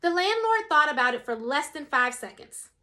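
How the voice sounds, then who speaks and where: A young adult woman with a high-pitched voice reads a children's picture book at a moderate pace. She's expressive throughout, switching her voice for the characters' quoted lines.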